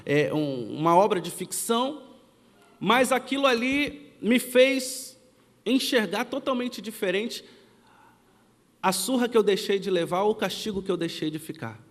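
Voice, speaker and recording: A Brazilian man preaching from the pulpit, his voice sitting high for a man. He tells stories and slips into the voices of the people in them. Long reverb rings around him in the church. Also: lively intonation, measured pace. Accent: Brazilian Portuguese. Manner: storytelling, acts out quoted family dialogue. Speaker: pastor. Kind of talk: sermon with personal storytelling.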